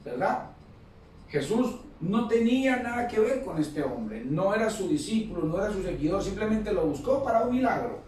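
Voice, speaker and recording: A man's voice: high voice, very animated, normal speed, darkish tone, a little hiss or hum. A man preaching a sermon in a conversational way, repeating phrases and asking for amens. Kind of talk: Pentecostal-style sermon. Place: church hall. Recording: echoey hall, mic far off.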